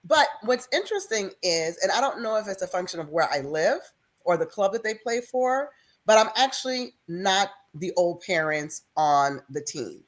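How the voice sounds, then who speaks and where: A woman in her fifties, a guest in a casual talk, speaking in a measured, reflective way with bursts of laughter. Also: medium pitch, lively intonation. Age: 50s. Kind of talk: casual chat.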